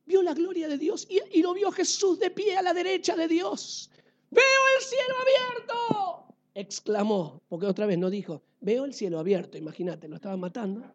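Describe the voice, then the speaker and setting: A woman preacher with a Rioplatense Spanish accent giving a lively sermon. She asks her listeners questions and swings between loud and quiet. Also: a little high, fairly quick, hardly any pauses, dull audio.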